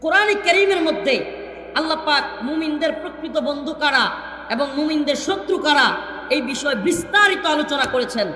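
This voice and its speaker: A man preaching an Islamic sermon into a stage microphone and sternly hushing a large crowd. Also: very high voice, lively intonation, moderate pace. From Bangladesh. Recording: echoey public-address sound with long reverb.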